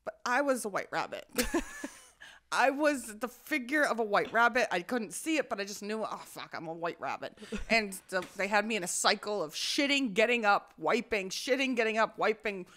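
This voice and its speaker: A woman's voice: a little high, lively intonation, normal speed, pushed and bright. A woman co-hosting a podcast in casual chat, loose and joking, and she swears freely. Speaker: podcast co-host.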